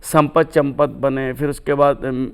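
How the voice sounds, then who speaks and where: A man's voice: medium pitch, fairly even intonation, measured pace, creaky, smooth. A middle-aged man, a cartoonist guest, talking in a reflective interview with lofty, philosophical phrasing and recited couplets.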